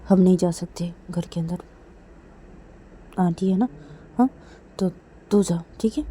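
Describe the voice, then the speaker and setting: A woman voicing a caring woman friend who pleads gently and steadily with an angry friend. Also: lowish voice, measured pace, a little hiss or hum, close to an everyday voice. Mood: reassuring.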